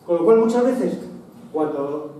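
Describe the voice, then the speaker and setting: Mellow-voiced man lecturing in an echoey hall. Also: fairly high pitch, lively intonation, unhurried. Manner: conversational, digressive, frequent restarts and asides. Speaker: lecturer on military history. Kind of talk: public lecture with slides. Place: association meeting hall, indoors. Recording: echoey hall, distant mic, faint noise.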